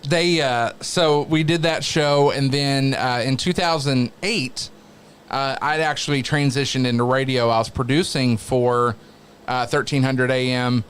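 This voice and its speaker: An American man, a wrestling announcer and radio veteran, swaps career anecdotes casually as an interview guest. His mid-range voice is clear, resonant and a bit bright, with fairly even intonation and a slightly slow pace. Background noise includes a wrestling show playing on a TV.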